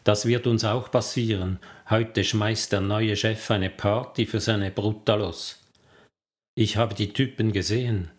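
A man's voice: on the low side, steady tone, a little slow, close to an everyday voice. A man voicing a frightened young girl who speaks urgently and pleadingly.

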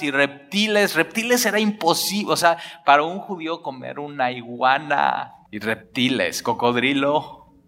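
A man preaching a lively sermon, acting out dialogue in colloquial speech. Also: medium pitch. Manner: animated, acts out dialogue, colloquial Mexican slang.

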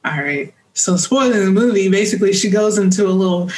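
A woman co-hosts a casual podcast, her voice at a middling pitch. She explains things in a steady, matter-of-fact way and patiently sets the record straight. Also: brisk. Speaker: podcast co-host. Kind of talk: casual chat.

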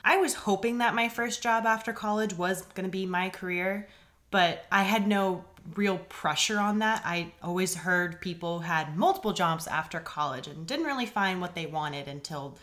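Low-voiced young woman guest, earnest. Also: fairly bright tone. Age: 20s. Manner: earnest, reflective storytelling. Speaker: podcast guest. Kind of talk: casual interview chat.

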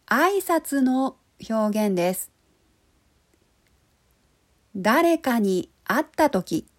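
Slow, clear Japanese language coach woman. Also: a little high. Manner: clear, deliberate model pronunciation, repeating each phrase twice. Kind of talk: slow pronunciation lesson podcast.

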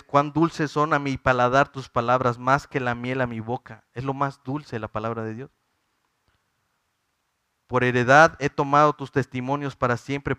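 A man's voice: mid-range voice, fairly bright tone, clear, resonant tone, dry recording, clean studio sound. A man in his thirties preaching a sermon, earnestly questioning the congregation and building in fervor.

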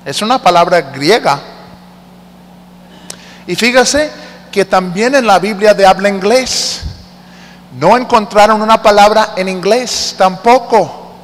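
A man's voice: sits high, slow, long pauses, long reverb tail. A man preaching a sermon as an evangelist, emphatic, rising to fervent appeals.

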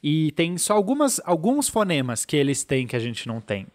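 A man's voice: on the high side, big pitch swings, moderate pace, no echo. Brazilian man explaining in dry sound. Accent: Brazilian Portuguese. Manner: patient explainer, peppers sentences with "né?". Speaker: podcast co-host. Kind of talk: casual explanatory chat.

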